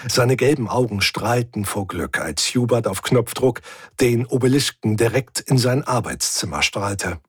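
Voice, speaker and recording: Husky male audiobook narrator. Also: mid-range voice, animated, measured pace, no room sound, clean studio sound. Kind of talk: scripted first-person science-fiction narration.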